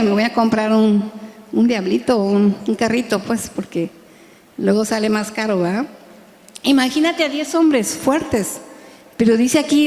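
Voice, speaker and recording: Mexican lady preaching, high voice, chatty, keeps asking the crowd "right?", big echoey hall. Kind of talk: sermon. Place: large church hall. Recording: echoey hall with long reverb.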